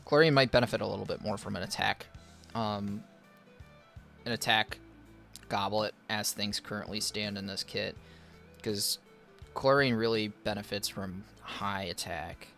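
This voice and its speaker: This streamer's lowish voice is gravelly, pushed, and bright, moving a little slowly with frequent pauses as faint music plays. He goes through viewer game accounts, replying to chat between gameplay with meandering, casual advice stuffed with fillers and restarts.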